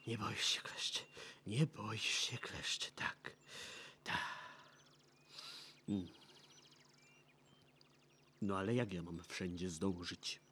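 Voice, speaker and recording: Tired husky cartoon wolf, drawls real slow, voice jumps all over. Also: male voice, mid-range voice, a little hiss or hum. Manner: muttering to himself, theatrical. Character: tired overworked big bad wolf, sly.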